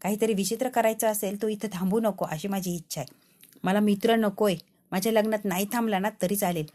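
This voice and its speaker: A woman's voice: medium pitch, steady tone, fairly quick, darkish tone, lightly acted. A woman voicing a young man about to marry who firmly tells an old friend to leave. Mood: cold. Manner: firm, dismissive. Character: young groom, cold and firm.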